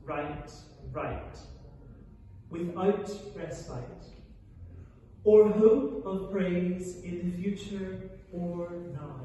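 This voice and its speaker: A man reading a stage play from a script as a bitter, idle middle-aged country gentleman, with a sardonic, theatrical delivery. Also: high voice. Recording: echoey hall from far off, faint noise.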